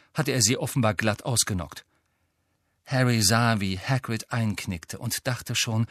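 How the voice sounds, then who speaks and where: A man reading a novel aloud with steady, even storytelling. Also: medium pitch, no room sound, clean studio sound. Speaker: audiobook narrator. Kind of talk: scripted narration.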